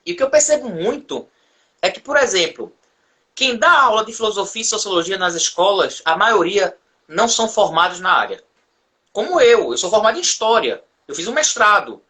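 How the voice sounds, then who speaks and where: A middle-aged man, a history teacher telling stories in a relaxed chat over beer. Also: moderate pace. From Brazil. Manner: relaxed storytelling, lively pitch. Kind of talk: casual conversation over beer.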